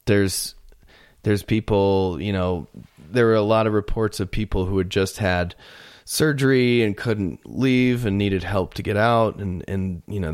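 A man with a low, deep voice tells a story in a casual podcast chat, his telling turning animated and tense with frequent restarts. The sound is dry and close, with no room behind it. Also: clean tone, no room sound. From United States. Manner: tense and animated when retelling events, with many restarts. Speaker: podcast co-host.

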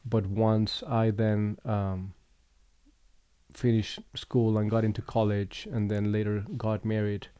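A man from Colombia hosting a relaxed conversation, speaking reflectively with frequent pauses and restarts. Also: fairly low pitch, smooth, no echo. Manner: reflective, unhurried, with fillers and restarts. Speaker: podcast host. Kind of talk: casual conversation.

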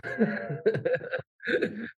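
The audio is dull, and the man's voice is high and expressive, with drawn-out words. He's an Australian company founder in his forties who grew up in Singapore and Hong Kong, rambling casually and self-deprecatingly as a guest in a relaxed podcast interview.

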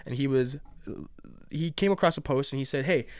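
A man's voice: mid-range voice, brisk, darkish tone, clear, resonant tone, no room sound. A young man co-hosting a podcast, teasing and joking in casual banter. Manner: joking, teasing, breaks into laughs. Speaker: podcast co-host.

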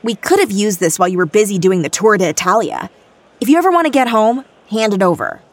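Casting: man voicing a quick, high-pitched alien scientist lady, lively and earnest, storybook reading. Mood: stern.

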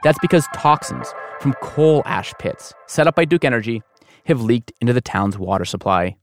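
A man hosting a show, reading scripted narration in a clear, steady manner. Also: mid-range voice, normal speed, faint music behind. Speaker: host.

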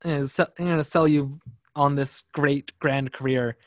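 A man's voice: on the high side, fairly even intonation, unhurried, no room sound, studio quality. A man guesting on a casual film podcast, talking in an easygoing, thoughtful way with small stumbles.

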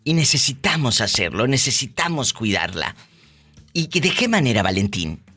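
A woman's voice: extremely low pitch, sing-song, moderate pace, a bit bright, slightly rough. A woman hosting call-in banter in a teasing, colloquial, exclamatory way. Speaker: radio show host.

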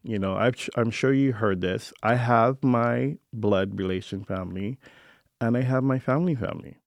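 Gravelly-voiced Hawaiian-raised man telling stories. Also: medium pitch, normal speed, no echo. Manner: animated anecdote teller, acting out family voices. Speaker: interviewee. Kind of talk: storytelling in a radio feature interview.

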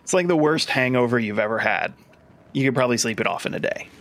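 Male game master, gravelly, hesitant delivery, full of restarts. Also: mid-range voice, quick pace, a bit bright. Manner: hesitant, many fillers and restarts. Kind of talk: narrating a tabletop game.

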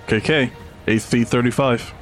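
Casual male tabletop player, soft music behind. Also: mid-range voice, fairly even intonation, a little slow. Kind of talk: casual game chat.

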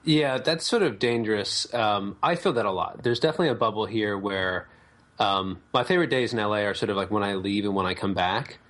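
Rambling sarcastic man, low voice. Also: brisk, fairly bright tone. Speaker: podcast host. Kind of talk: casual chat.

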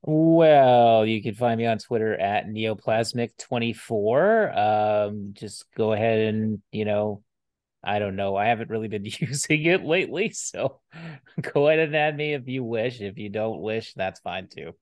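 A laid-back man with a lowish voice chats on a podcast and drops jokey asides. The recording is dry and close, with no room sound. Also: animated, a little slow, a little mellow, dry recording. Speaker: podcast co-host. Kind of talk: casual podcast chat.

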